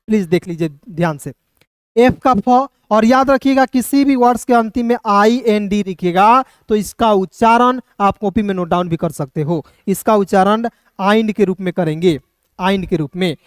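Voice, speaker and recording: A man with a high, smooth voice is recorded dry in clean studio conditions. He teaches English spelling in a Hindi phonics lesson, slowly spelling out words letter by letter. He keeps saying "doston" and often checks whether his friends are following.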